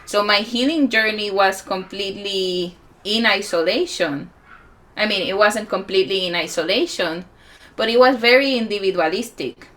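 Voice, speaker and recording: A woman in her forties with a Puerto Rican accent, giving a reflective conference talk with many pauses. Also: medium pitch, fairly bright tone. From Puerto Rico. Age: 40s. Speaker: musician and healer speaking at a conference.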